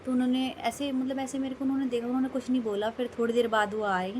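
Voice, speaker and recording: A woman's voice: high voice, flat delivery, fast, darkish tone, a little hiss or hum. A young woman vlogging casually, telling a rambling, emphatic story about her day. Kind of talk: casual vlog monologue.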